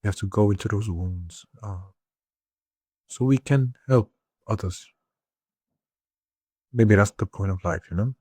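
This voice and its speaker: Low-voiced man talking through tears. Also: measured pace, pauses often, a little mellow, slightly rough, no room sound. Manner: tearful, swings between crying and laughing. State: crying. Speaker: podcast host. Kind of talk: emotional solo podcast talk.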